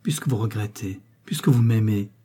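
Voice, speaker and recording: A man reading aloud as a frail, devout young princess who speaks softly and faintly in a storybook. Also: fairly low pitch, moderate pace, breathy edge. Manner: soft, faint.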